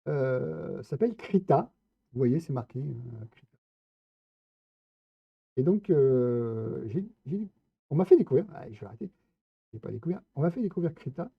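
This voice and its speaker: A man's voice: medium pitch, sing-song, normal speed, vocal fry, pauses often, breathy edge, dry recording. A man giving casual gameplay commentary, chatty and playful, talking straight to his viewers. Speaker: streamer. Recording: tinny phone-like, dry sound.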